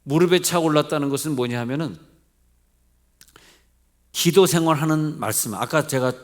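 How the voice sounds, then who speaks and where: A man's voice: fairly high pitch, moderate pace. A middle-aged male pastor with a Seoul accent, preaching a midweek church sermon in a conversational way, asking his congregation questions and joking lightly. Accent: Seoul Korean. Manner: mixes polite and plain speech, jokes lightly. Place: church sanctuary.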